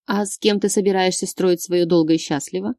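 A woman's voice: on the low side, fairly even intonation, fairly quick, mellow, dry recording, studio quality, lightly acted. A woman reading an audiobook, voicing a scheming wife with a sing-song, mocking manner.

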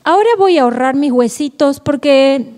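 A woman's voice: high voice, moderate pace, a little mellow, in a large hall, natural voice. A woman voicing the imagined thoughts of a simple-minded pet dog. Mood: mock-serious.

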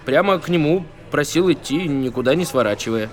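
A man playing a wry, nervous police duty lieutenant in a comic audio drama, deadpan and deferential. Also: on the high side, a little fast, faint music behind, close to an everyday voice. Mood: nervous deference.

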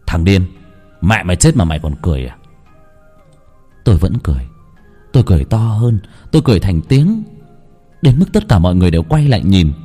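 A man's voice: fairly low pitch, mellow, breathy edge. A man narrating a first-person horror story in an emotional, dramatic storytelling manner.

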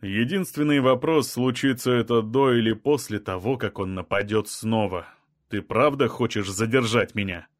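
A male reader voicing a calm, blunt man from another kind of people, level and matter-of-fact even about killing. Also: fairly low pitch, normal speed, no room sound, studio quality, natural voice. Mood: cold resolve.

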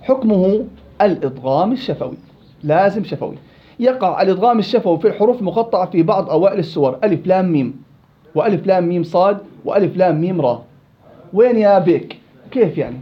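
A man teaching a Quran recitation class, quizzing his students by name in a lively way. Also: sits high, quick pace. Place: indoor study circle. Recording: dull lo-fi recording.

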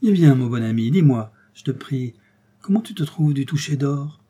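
A mysterious, otherworldly stranger who questions in a measured, knowing way, as a man voices him. His tone is slightly raised and firmer than the narration, yet stays dark and husky, in the manner of a storybook reading. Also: medium pitch, animated. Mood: probing. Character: mysterious smiling stranger, supernatural, calm and knowing.

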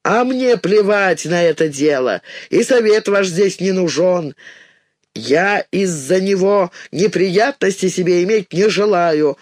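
Storybook heavy: a cruel barge owner, put on by a male reader, slow, rough and threatening. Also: sits high, no room sound, clean studio sound. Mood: menacing.

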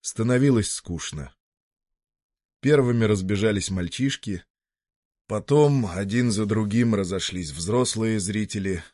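Guy reading a story, lowish voice, dry close sound. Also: a little slow, darkish tone, dry recording. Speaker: narrator. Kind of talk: scripted narration of a story.

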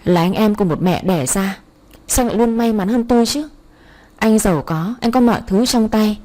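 Storybook villain in his fifties, gloating, taunting, mellow tone, read by a woman. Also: mid-range voice, normal speed, natural voice. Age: 50s. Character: scheming middle-aged man, gloating villain.

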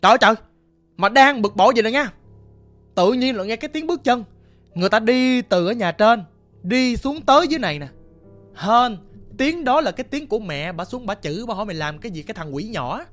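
A man with a Southern Vietnamese accent telling a ghost story in a chatty, colloquial way, swinging between hushed and loud. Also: very high voice, expressive, brisk, pauses often, faint music behind. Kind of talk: spoken ghost story narration.

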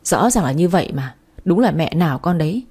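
A woman's voice: on the low side, animated, a little fast, mellow, breathy edge. A woman voicing a spiteful, scheming stepmother who sneers and feigns sweetness, in a spoken story. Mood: sneering.

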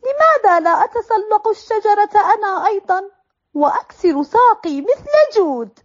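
A woman's voice: extremely high pitch, very animated, normal speed, voice pushed up. A woman doing a sulky jealous little boy. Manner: sulky, complaining. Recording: slightly dull recording, faint music.

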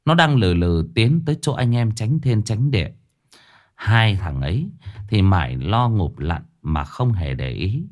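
Lively low-voiced male ghost-story teller. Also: measured pace. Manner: lively, dramatic first-person telling. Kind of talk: scripted ghost story narration. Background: faint music.

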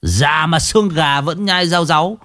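A man's voice: a little high, a little slow, pushed and bright, no echo, clean studio sound, voice pushed up. A man voicing a brash, hot-tempered old man built like a bull, who boasts, swears and bellows. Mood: boastful.

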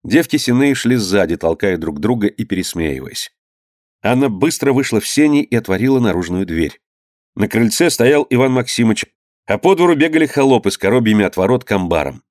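A man narrating a historical novel in a calm, measured storytelling manner. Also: lowish voice, no echo, clean studio sound.

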